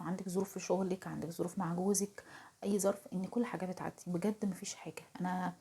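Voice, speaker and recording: A young Egyptian woman with an Egyptian Arabic accent, talking softly and confidingly to her viewers in a casual home vlog, often dropping to a half-whisper. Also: lowish voice, husky. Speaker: home vlogger. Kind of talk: casual talk to camera.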